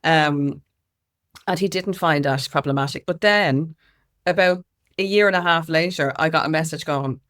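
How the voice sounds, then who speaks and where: Low-voiced and a bit bright, at a moderate pace, this Irish-accented interview guest works as a music consultant and campaigner. She chats informally with emphasis, recounting lively stories and voicing other people's words.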